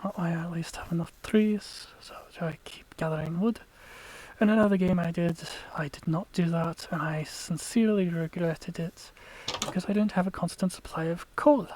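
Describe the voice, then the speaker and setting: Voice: medium pitch, moderate pace, a little mellow, slight background noise, poor audio. A let's play gamer giving casual, chatty gameplay commentary, explaining tactics to viewers and sometimes dropping to a whisper.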